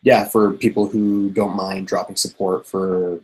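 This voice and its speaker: Man, very low voice, methodical developer walking the team through code options on a meeting call. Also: level tone, a little slow, darkish tone, rough recording. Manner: methodical, walks through code examples step by step. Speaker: developer presenting proposals. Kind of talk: technical explanation in a meeting. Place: online contributors meeting.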